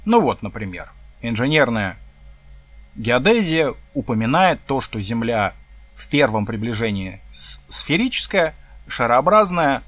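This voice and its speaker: A man reads a textbook aloud at an even, careful pace, breaking off now and then for plain remarks of his own. His voice sits in the middle range and is recorded close and dry, with no room sound. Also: medium pitch, no echo. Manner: careful reading with asides and self-corrections. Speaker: video host reading a textbook. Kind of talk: reading aloud from a textbook with comments.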